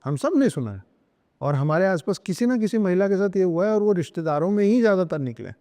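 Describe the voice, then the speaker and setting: A man talking earnestly as a podcast guest, hammering his points home with repeated phrases and bits of English. His voice sits a little high but sounds dark and mellow. A long reverb trails after his words. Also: animated, quick pace. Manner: emphatic, lecturing, repeats phrases and slips into English. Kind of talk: earnest podcast talk on spirituality and parenting.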